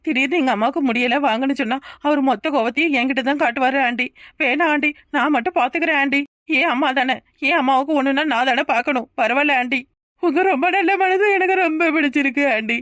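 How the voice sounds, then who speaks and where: A woman's voice: sits high, fast talker, a bit bright, no echo, clean studio sound. A woman voicing a young cartoon daughter-in-law who pleads tearfully and slyly for money. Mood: pleading. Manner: tearful pleading, repeats "aunty". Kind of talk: cartoon voice acting.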